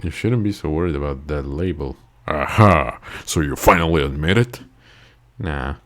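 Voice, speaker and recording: A gamer whose first language is Italian reads game dialogue aloud in a let's play, sounding playful, laughing at his own lines and swearing casually. His voice is bass and a bit bright, at a moderate pace.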